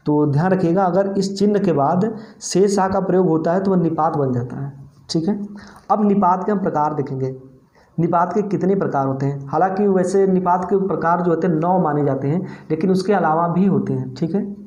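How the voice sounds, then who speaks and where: A man's voice: high-pitched, normal speed, darkish tone, roomy sound, highs cut off. A male teacher giving an exam-prep grammar lesson, explaining step by step and asking and answering his own questions.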